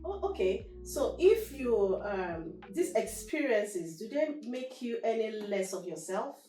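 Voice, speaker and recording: A woman's voice: a little high, very animated, a little slow, warm tone. A woman hosting a talk show with teenagers, asking encouraging, chatty questions. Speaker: host. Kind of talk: interview questions. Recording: roomy, distant mic, faint music.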